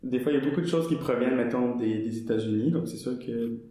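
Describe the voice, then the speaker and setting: A man's voice: medium pitch, quick pace, warm tone. A young man from Montreal with a Québécois French accent, chatting as an interview guest in a hesitant, filler-heavy way, laughing easily. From Montreal, Quebec. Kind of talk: casual conversation. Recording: very echoey room.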